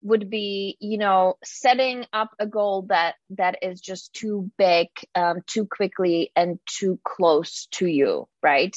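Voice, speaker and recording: A woman's voice: medium pitch, dry recording. A woman from the Czech Republic chats as a podcast guest, hesitant and full of fillers. Her voice comes through a slightly dull, lo-fi recording. The sound is dry and close, with no room around it. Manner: hesitant, lots of ums and restarts. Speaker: guest, yoga teacher and life coach. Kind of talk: casual podcast conversation.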